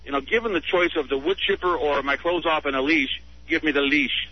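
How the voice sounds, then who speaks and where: A heated caller on a talk radio show argues with indignation. He is a man with a slightly high voice. It is heard through a dull, lo-fi radio broadcast. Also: brisk. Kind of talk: call-in radio debate.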